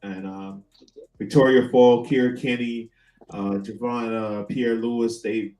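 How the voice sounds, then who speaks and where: A man's voice: medium pitch, steady tone, mellow. Middle-aged guy hosting sports talk, lots of ums, echoey room. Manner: halting, many fillers. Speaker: host. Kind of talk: casual sports chat.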